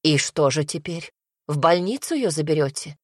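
A woman voicing a worried mother who frets and laments softly. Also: low-pitched, expressive, normal speed, dry recording, clean studio sound. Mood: fretful. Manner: fretful, lamenting, hushed.

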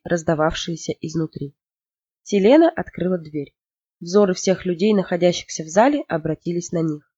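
A narrator reading a novel aloud in an expressive storytelling manner. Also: mid-range voice, no echo. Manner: expressive storytelling, lifting for emotional moments. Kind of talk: audiobook narration. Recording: dull lo-fi, dry.

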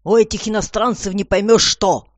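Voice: mid-range voice, normal speed, dry recording, close to an everyday voice. The storybook narrator voicing an irritable, stout police commissar who grumbles and barks orders. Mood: irritated.

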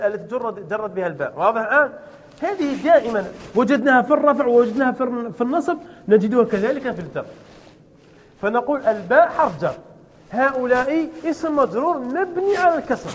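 High-voiced man teaching in a reverberant hall. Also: slight background noise. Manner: quizzes students, repeatedly checks understanding; explains step by step with repeated examples. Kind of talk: classroom grammar lesson. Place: classroom.

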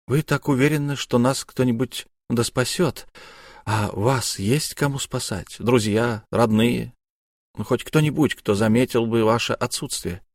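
A male narrator voicing a bruised young noblewoman who speaks softly, with a bitter, wistful edge. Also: medium pitch, unhurried, dry recording, studio quality. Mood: curious. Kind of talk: audiobook character voice.

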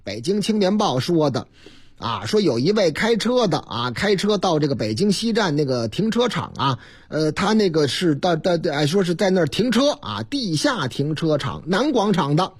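Husky, chatty Beijing radio host. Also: male voice, on the high side, big pitch swings, moderate pace. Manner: chatty, joking asides, rhetorical questions. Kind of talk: folksy newspaper review.

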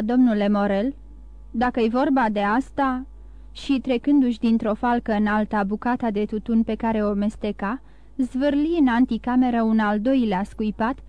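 A woman narrating a classic novel in an expressive, measured reading. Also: a little high, no echo. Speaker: audiobook narrator.

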